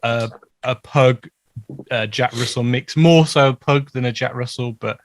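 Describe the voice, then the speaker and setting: A man's voice: mid-range voice, a little slow, no room sound. A young man co-hosting a podcast, rambling casually between laughs. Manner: chatty, rambling, laughs often. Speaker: podcast co-host. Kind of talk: casual chat.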